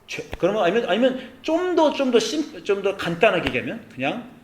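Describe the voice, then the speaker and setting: A man preaching as pastor, animated, at times acting out soft, pleading prayers. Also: high voice, fairly quick, background noise. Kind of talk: sermon. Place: church sanctuary. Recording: echoey church sanctuary.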